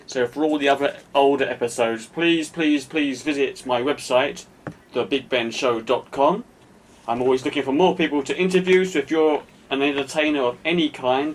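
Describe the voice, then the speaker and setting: A man hosts a relaxed podcast chat, self-deprecating and easygoing. He sits a bit back from the microphone, with faint noise under his voice. He slows down carefully when reading out links. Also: medium pitch, recorded from a distance, poor audio. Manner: chatty, self-deprecating, spells things out slowly. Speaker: podcast host. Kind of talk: casual podcast interview.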